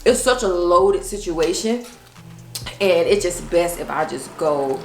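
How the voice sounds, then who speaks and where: A woman's voice: lowish voice, lively intonation, measured pace, faint music behind. A woman with an American accent in casual relationship chat, speaking emphatically and often checking that the listener follows. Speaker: co-host of a mukbang chat show. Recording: roomy echo, clear background noise.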